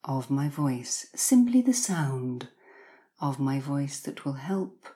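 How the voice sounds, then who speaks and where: Female hypnotherapist for guided relaxation: mellow, breathy, extremely slow and soothing countdown delivery, repetitive, near-whispered at times. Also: rumbling low, sing-song.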